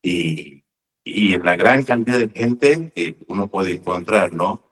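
A man's voice: low-pitched, expressive, slow pace. A man from Argentina, a parish priest, answering in a hesitant way with many fillers and tag questions. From northern Argentina. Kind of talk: casual interview answers. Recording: voice a bit far from the mic.

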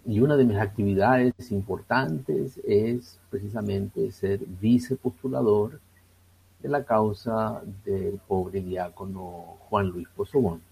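A Chilean man in his sixties answers radio interview questions as a priest. His voice is low and gravelly with a husky edge. He talks very slowly, stopping often to search for words. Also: a little mellow. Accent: Chilean Spanish. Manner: slow and hesitant, many fillers. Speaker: priest, guest.

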